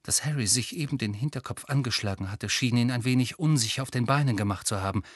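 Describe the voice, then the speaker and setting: A man narrates a storybook in a measured, even way. His voice sits at a middle pitch. The recording is dry and close, with no room sound. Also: breathy edge, no room sound. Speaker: audiobook narrator. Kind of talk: scripted narration.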